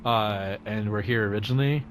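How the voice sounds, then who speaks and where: A man narrating casually as game master, improvising hesitantly with lots of pauses. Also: fairly low pitch, soft background music.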